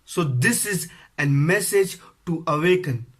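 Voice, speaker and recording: Male speaker, fairly high voice, earnest appeal with repetitive phrasing. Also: lively intonation, a little slow, a bit bright, husky. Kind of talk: earnest video message.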